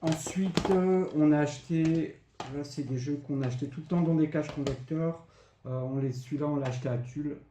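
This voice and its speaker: This man's voice is fairly high and fairly quick as he chattily shows off retro video games he picked up, naming prices with lots of fillers. He's a collector vlogger recording a casual show-and-tell in an echoey room with faint background noise.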